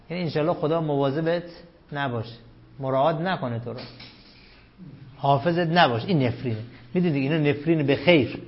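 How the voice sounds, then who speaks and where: A man teaching a grammar class. He reads quoted lines slowly and loudly, questions the students and calls them "sir" and "dear". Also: a little high, highs cut off. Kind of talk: classroom lesson, reading a text aloud and explaining it.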